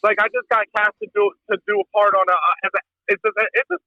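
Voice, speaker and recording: Brief: man, podcast guest, rapid rambling crude humor, bright tense tone, dry close sound. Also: high voice, fairly even intonation, no echo, lo-fi sound. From Pennsylvania. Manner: rambling, profane, joking storyteller. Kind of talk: casual chat.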